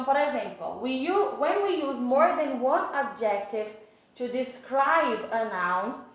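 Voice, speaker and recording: A woman teacher with a Brazilian Portuguese accent who explains grammar step by step and reads the English examples slowly. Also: high-pitched. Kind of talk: online grammar lesson. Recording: very echoey room.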